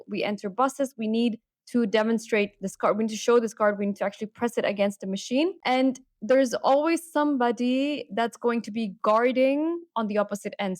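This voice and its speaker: A young woman from Hong Kong, chatty and animated, talking casually to camera in a vlog. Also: medium pitch, no echo. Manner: chatty and animated, with emphatic repeats. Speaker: vlogger.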